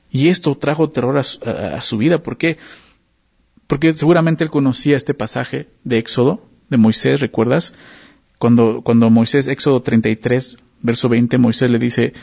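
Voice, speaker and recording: A man preaches in an easy, conversational way, keeping his listeners with him through frequent little questions. His voice is gravelly and dark, and the recording sounds dull and lo-fi. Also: fairly high pitch. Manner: repeats words while searching for phrasing. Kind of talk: sermon.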